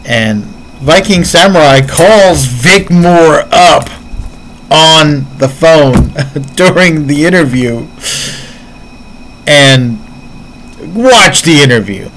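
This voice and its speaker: A man's voice: fairly high pitch, expressive, drawn-out words, long pauses, fairly bright tone, slight background noise, rough recording. A man giving casual reaction commentary on martial arts, explaining his points earnestly while thinking aloud.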